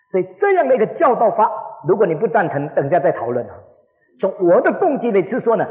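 A man in his forties preaching a sermon, telling stories with lively acted-out quotes, recorded in an echoing hall. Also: high voice, muffled recording. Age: 40s. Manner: animated storytelling, acts out quoted voices. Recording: echoey hall with long reverb.

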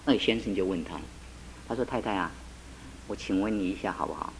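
A man's voice: low voice, fairly quick, creaky, slight background noise, poor audio. A man preaching a sermon, retelling a couple's conversation and building to emphatic climaxes. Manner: retells the couple's dialogue with shifting tones, rising to emphatic climaxes. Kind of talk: sermon with a told story.

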